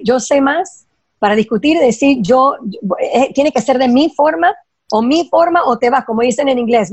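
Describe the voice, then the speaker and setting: A woman's voice: high-pitched, husky, dry recording. A woman giving spiritual advice in an emphatic way, asking rhetorical questions and dropping in English phrases. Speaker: guest teaching Kabbalah ideas. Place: lives in Los Angeles.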